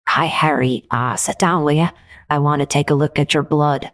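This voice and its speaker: A woman's voice: sits low, steady tone, normal speed, fairly bright tone, dry recording, studio quality. Blunt, impatient lady professor. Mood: matter-of-fact. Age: 40s. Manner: blunt, impatient, swears casually. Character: brash irritable woman professor in her forties.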